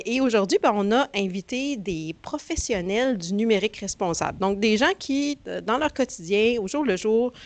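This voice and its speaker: A woman with a mid-range voice and a Quebec French accent hosts a conference, captured in a dry recording. Her introduction is informal and hesitant, and she often searches for words.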